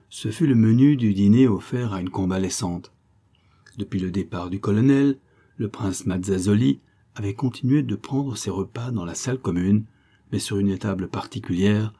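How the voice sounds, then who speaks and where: A man reads a classic novel aloud in a steady, measured way. His voice is low and mellow, with a husky grain. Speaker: audiobook narrator. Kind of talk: scripted narration.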